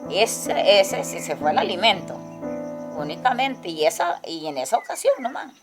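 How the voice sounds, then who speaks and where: Older woman, halting testimony, checks in often, faint music. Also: fairly low pitch, big pitch swings. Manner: halting, tagging lines with "¿verdad?". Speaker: survivor giving testimony. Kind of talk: spoken testimony in a documentary.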